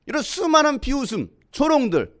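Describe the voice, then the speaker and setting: High-voiced man preaching a sermon. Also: big pitch swings, moderate pace, fairly bright tone. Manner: emphatic preaching with rhetorical questions. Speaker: pastor.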